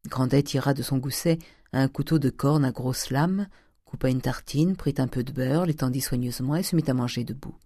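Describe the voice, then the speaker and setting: A man narrating a classic novel in a measured, even delivery. His voice is warm and mellow, recorded dry and close with no room sound. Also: medium pitch, no echo. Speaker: audiobook narrator. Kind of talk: scripted narration.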